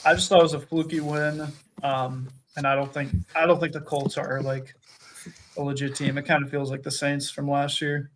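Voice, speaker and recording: Blunt man over clear background noise. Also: a little high, little pitch movement, moderate pace. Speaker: panelist. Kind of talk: casual sports chat.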